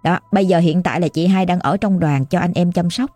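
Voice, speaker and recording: A woman with a Southern Vietnamese accent narrates a ghost story in a relaxed, conversational way, turning to her listeners now and then. Her voice is mellow and warm, recorded dry and close with faint music underneath. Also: fairly low pitch, brisk, dry recording. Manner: chatty, addresses listeners directly. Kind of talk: casual storytelling.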